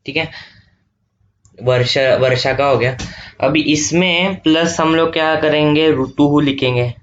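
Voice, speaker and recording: A man teaching an online revision lesson, explaining slowly and repeating each step, checking often that students follow. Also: on the high side, lo-fi sound, a little hiss or hum. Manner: slow, repetitive explaining with frequent checks.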